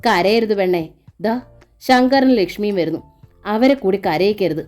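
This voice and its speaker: A woman voicing a young man who speaks quietly and holds back his grief. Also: mid-range voice, expressive, moderate pace, soft background music, natural voice. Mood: tender. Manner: quiet, restrained speech. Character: young man shielding his family, grieving.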